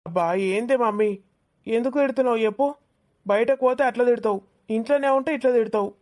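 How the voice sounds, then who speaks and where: A woman's voice: fairly high pitch, a little fast, a little mellow, lightly acted. A woman voicing a cheeky, lazy teenage schoolboy in a cartoon, talking in a whiny, complaining way.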